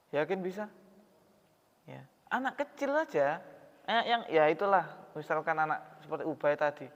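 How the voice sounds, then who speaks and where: A man's voice: a little high, a bit bright. A man preaching a sermon in a mosque hall, talking in a conversational way and asking his audience questions. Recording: reverberant hall, dull sound.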